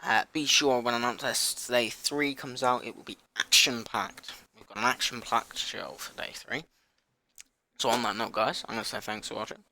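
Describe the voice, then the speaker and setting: A man with a sore throat hosting a gaming channel, rambling and apologetic as he haltingly reads a list in a casual announcement vlog. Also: medium pitch, fairly even intonation, creaky, bright, forceful tone.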